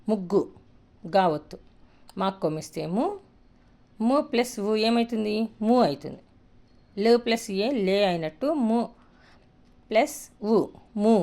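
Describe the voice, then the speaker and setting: A woman teaches a beginners' lesson, breaking each letter into its parts and repeating them patiently. Her mid-pitched voice carries a gravelly, creaky texture. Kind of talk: spoken Telugu lesson on writing letters.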